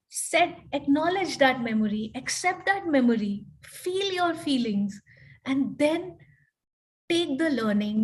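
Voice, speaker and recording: A woman coach and counselor explaining healing in an online panel talk, often checking in with tag questions. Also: high voice.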